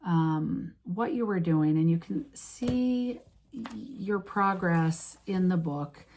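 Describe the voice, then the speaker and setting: Fifty-something woman rambling to her viewers, low mellow voice, lots of ums and restarts. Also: animated, slow pace, slight background noise. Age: 50s. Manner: rambling, many restarts and fillers. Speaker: vlogger. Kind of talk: casual chat to camera.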